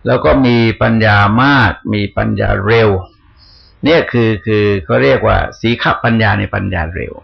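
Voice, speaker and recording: An older male monk with a deep, heavily gravelly and husky voice gives a relaxed dharma talk, explaining things like a teacher and softening his points with little tag particles. The recording is dull and lo-fi. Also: normal speed. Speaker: Buddhist monk.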